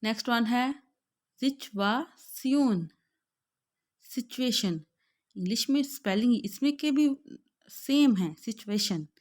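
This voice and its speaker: Slow, careful Pakistani woman teacher. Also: fairly high pitch, lively intonation, darkish tone. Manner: drawn-out, carefully spelled-out words, glossing each in Urdu. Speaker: German language teacher. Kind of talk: slow pronunciation lesson, repeating each word.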